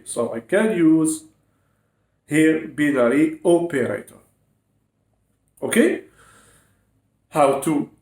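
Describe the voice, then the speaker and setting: A man tutoring programming in an echoey room, with a fairly high, very animated voice. He uses non-native English phrasing and dictates code piece by piece, punctuated by short check-in questions. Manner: frequent rising check-in questions. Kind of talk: step-by-step coding lesson, spelling out code aloud.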